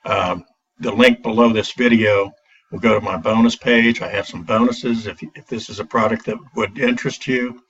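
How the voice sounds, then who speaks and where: A low-voiced man reviews a product through the built-in mic of a laptop, so the sound is dull, muffled and set back from him. His voice is a little husky, and he stumbles often with "uh" and restarts his sentences. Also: a bit bright, recorded from a distance. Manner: hesitant, frequent "uh" fillers and restarts. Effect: recorded through a built-in laptop computer mic. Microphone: built-in computer microphone.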